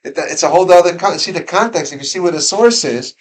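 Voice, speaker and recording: Male teacher, higher voice, casual classroom lesson with lots of questions and restarts. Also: fast, breathy edge, poor audio. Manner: conversational, questions the students, frequent restarts. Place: school classroom.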